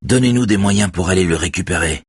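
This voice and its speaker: A man's voice: low voice, fairly quick, husky, dry recording, clean studio sound, voice pushed up. A man voicing a stubborn male detective who talks tersely and hard.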